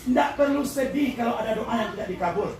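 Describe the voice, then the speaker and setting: A man with a Minangkabau accent giving a lively religious talk at a school event, quizzing the audience and often shouting and laughing. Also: very high voice, fast talker. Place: large indoor hall with an audience. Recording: echoey hall, far from the mic, with a crowd and noise.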